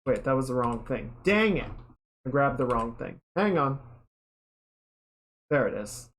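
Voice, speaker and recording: While she draws, a woman art streamer chats casually and mutters to herself in a relaxed way. Her voice is extremely low in pitch, and she never hurries.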